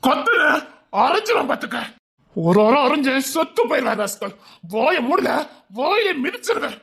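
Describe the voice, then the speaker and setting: A woman playing a defensive, blustering jobless husband who hushes and threatens his wife. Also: sits high, very animated, moderate pace, exaggerated voice. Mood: threatening. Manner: hushing, then blustering threats.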